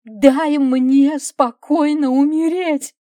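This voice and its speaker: A woman's voice: fairly even intonation, very slow, mellow, dry recording, clean studio sound. A woman voicing a desperate young wife who screams through a locked door in an audiobook story. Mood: hysterical. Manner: shrill screaming, drawn out. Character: young wife, suddenly aged, desperate and hysterical.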